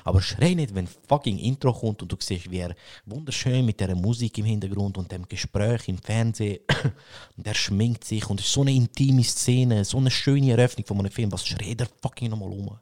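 A young man from Switzerland with a Swiss German accent, talking casually and excitedly about a film, swearing often and repeating words as he goes. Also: lowish voice, moderate pace. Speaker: podcast host.

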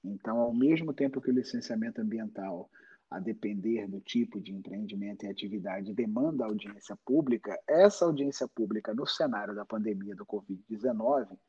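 Male Brazilian expert guest, formal and measured, husky edge, dull lo-fi recording. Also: on the low side, warm tone. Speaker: podcast guest, environmental lawyer. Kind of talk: formal expert explanation in an interview.

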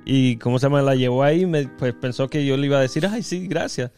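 A man's voice: medium pitch, steady tone, quick pace, mellow. Young guy, casual podcast co-host, rambling self-correcting stories, faint music underneath. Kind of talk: casual chat.

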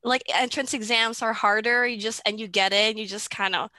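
A woman's voice: on the high side, fairly even intonation, moderate pace, pushed and bright. A woman in her twenties from the Philippines, a podcast guest talking casually over a video call, hesitant with many fillers and restarts, giggling between thoughts. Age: 20s.

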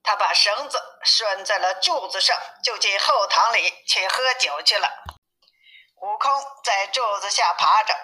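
A woman reading a classic novel aloud as a storyteller, in steady, even narration, with a tinny phone-like sound. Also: medium pitch, unhurried.

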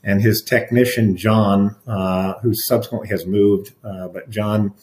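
A middle-aged man, an interventional cardiologist talking through stories in an interview, animated, with restarts and laughs. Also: fairly low pitch, a little slow, roomy sound. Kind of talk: conversational interview storytelling.

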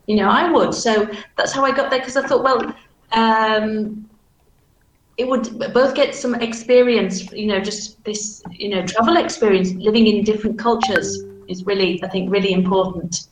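A woman in her fifties speaks in an echoey room, answering questions informally. Her Manchester accent is softened, but the flat vowels and hard g endings remain. Her delivery is careful and explanatory, at a medium pitch. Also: moderate pace, slight background noise. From Manchester, England. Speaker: English teacher.

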